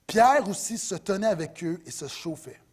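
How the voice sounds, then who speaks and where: A middle-aged man with a Quebec French accent preaching a sermon as pastor, animated, swinging between loud emphasis and soft asides. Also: high-pitched, normal speed, husky.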